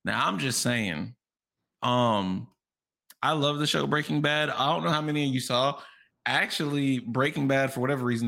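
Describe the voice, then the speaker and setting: A man's voice: medium pitch, vocal fry, sharp tone. A man co-hosting a casual podcast as the video game regular, chatty and joking, with casual swearing. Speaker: podcast co-host covering video games. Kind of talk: casual chat.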